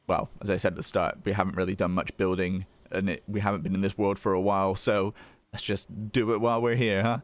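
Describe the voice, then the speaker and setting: A young man giving a relaxed, rambling commentary while playing a building game, with lots of fillers and small laughs. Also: low-pitched, dry recording. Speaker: gaming video host. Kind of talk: casual gameplay commentary.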